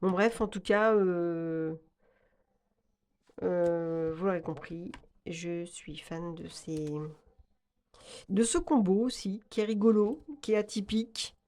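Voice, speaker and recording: A woman's voice: fairly low pitch, takes it slowly, long pauses, darkish tone. A woman hosting a casual tarot video, chatty and hesitant with many fillers and laughs. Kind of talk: casual chat about tarot cards.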